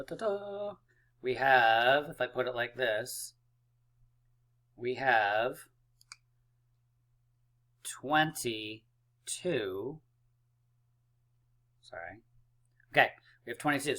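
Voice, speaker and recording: A man's voice: medium pitch, a bit bright. A man teaching a math lesson to young children, upbeat and chatty with lots of fillers. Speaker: math coach.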